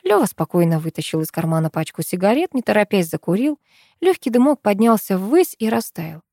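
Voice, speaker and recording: A woman's voice: mid-range voice, big pitch swings, a little fast, gravelly, mellow, no echo. Woman reading an audiobook, dry sound. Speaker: audiobook narrator. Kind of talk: scripted narration.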